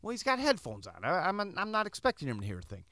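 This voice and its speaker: This middle-aged Michigan podcaster has a high-pitched voice and talks fast, captured echo-free at studio quality. His casual storytelling monologue is animated, with the dialogue acted out in quoted voices.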